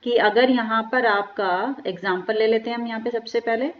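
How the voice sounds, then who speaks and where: A woman teaching English grammar in a lecture, asking rhetorical questions and slowly spelling out words. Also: a little high, fairly even intonation, lo-fi sound, a little hiss or hum. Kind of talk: classroom lecture explaining grammar.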